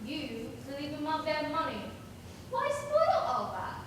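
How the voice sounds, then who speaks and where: A woman's voice: high voice, wildly swooping pitch, fairly bright tone, slight background noise, exaggerated voice. A woman playing a ruthless scheming accomplice. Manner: brisk, bossy and plotting. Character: scheming young woman, sharp-tongued and ruthless. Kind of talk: amateur stage play. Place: theatre stage. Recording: echoey hall from far off.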